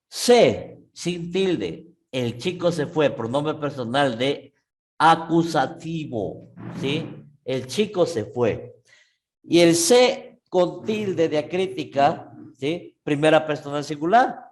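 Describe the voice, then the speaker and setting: A man teaching a grammar lesson at an unhurried, deliberate pace, stretching out his words. His voice sits a little high for a man. He keeps pausing to ask whether the class is following and often stops to correct himself. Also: a little mellow. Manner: patient, checks in with frequent "¿sí?"; restarts and self-corrects often. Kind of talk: online language class.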